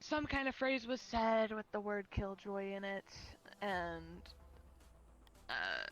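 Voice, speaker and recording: A roleplayer voicing an ex-hacker fugitive with a haunted past, speaking in a halting, hesitant way with a Southern US accent. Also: medium pitch, expressive, a bit bright, low-quality recording. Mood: troubled. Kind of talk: in-character voice roleplay.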